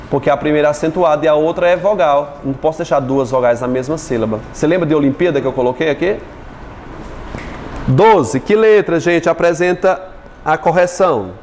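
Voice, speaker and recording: A man with a Brazilian Portuguese accent teaching an exam-prep lesson, chatty and joking, stretching words out slowly as he splits syllables. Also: fairly high pitch, a little mellow, slight background noise. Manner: chatty, jokes with students, spells words out slowly.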